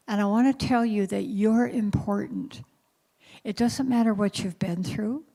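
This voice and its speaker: A woman's voice: medium pitch, creaky, darkish tone. A woman in her seventies giving an earnest, exhorting faith talk to a conference audience. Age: 70s. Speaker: conference speaker. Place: conference breakout room.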